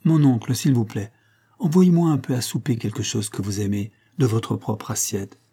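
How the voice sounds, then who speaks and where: A man reading an audiobook, voicing a young sick woman with a gentle, eager, pleading manner. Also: lively intonation, moderate pace, breathy edge. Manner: pleading, raised pitch.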